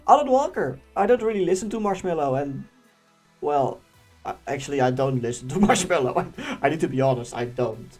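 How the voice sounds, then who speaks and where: A young man with a Dutch accent, whose first language is Dutch, hosting a casual Q&A and answering viewer questions in a chatty, animated way. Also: a little high. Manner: chatty and animated, laughing often. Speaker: YouTube channel host.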